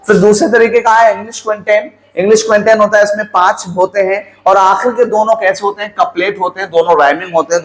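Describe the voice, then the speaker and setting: A man's voice: high voice, poor audio. A man teaching a lesson on poetry, who asks questions and answers them himself and counts out rhyme schemes letter by letter. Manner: mixes in English terms. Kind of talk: classroom lecture on poetry.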